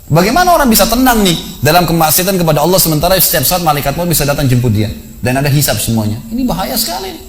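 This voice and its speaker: Fast-talking preacher man. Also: a little high, huge pitch swings. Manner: storytelling, swings from hushed to raised voice. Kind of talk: sermon. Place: mosque.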